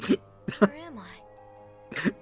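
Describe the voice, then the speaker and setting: A man's voice: high-pitched, sing-song, extremely slow, faint music behind, full character voice. A bewildered teenage boy hero. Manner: confused, wondering. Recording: quiet game audio under commentary.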